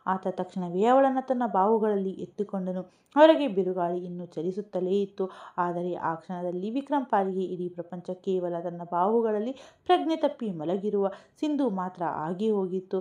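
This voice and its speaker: Woman storyteller, soft emotional narration, mellow warm tone, slightly dull lo-fi sound. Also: mid-range voice.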